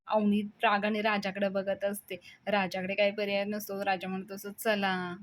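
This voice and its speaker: A woman reviewing a TV serial by retelling the episode in lively storytelling. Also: mid-range voice, slight background noise. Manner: lively storytelling, quick scene-setting.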